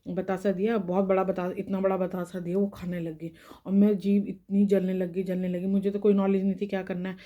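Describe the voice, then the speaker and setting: A woman's voice: medium pitch, level tone, brisk, narrow, tinny audio. A young woman tells a rambling personal story to camera, her tongue and lips sore so she talks carefully around the pain. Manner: rambling, restarting sentences, talking carefully around mouth pain. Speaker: vlogger.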